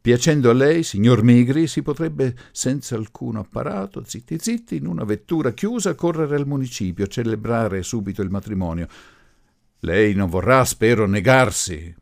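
A man voicing a forceful middle-aged professor who speaks loudly and imperiously. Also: medium pitch, expressive, moderate pace, creaky, voice pushed up. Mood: insistent. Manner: imperious, insistent, loud.

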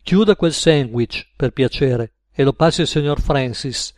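Man doing a soft, courteous camp cook. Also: mid-range voice, unhurried, no echo, studio quality, close to an everyday voice. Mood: gentle. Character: gentle, overly polite man, a soft-spoken camp cook.

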